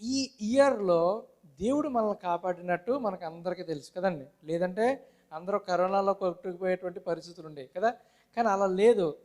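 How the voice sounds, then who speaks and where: A man's voice: sits high, moderate pace, a little mellow. A male pastor preaching a sermon, asking the congregation questions and calling for amens. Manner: call-and-response, asks congregation questions and amens; mixes English words into Telugu preaching.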